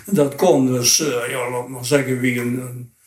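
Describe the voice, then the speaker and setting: A man's voice: medium pitch, level tone, a little slow, a little mellow. Echoey elderly man, broad Limburg Dutch accent. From Dutch Limburg, Netherlands. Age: late 80s. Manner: rambling, colloquial storytelling. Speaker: interview guest. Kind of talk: informal spoken reminiscence. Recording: echoey, roomy sound.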